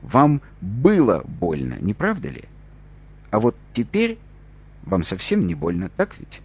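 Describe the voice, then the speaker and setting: A man voicing a cruel, mocking interrogating captain in an audiobook, with slow, drawn-out threats. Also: mid-range voice, wildly swooping pitch, darkish tone, slightly rough, exaggerated voice. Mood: falsely friendly.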